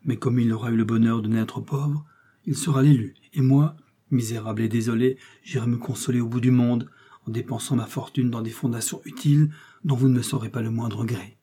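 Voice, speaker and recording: A man's voice: medium pitch, fairly even intonation, a little fast, dark tone, slightly rough, lightly acted. A man voicing a wealthy young nobleman in an audiobook, ardent and bitter in his pleading. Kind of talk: audiobook character reading.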